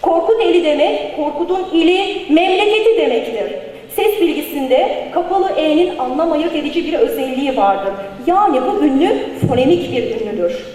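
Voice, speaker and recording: A woman speaking at a podium microphone at a conference, reading a prepared academic paper in a formal, measured way. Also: high voice, animated, warm tone. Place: conference hall. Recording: very echoey large hall.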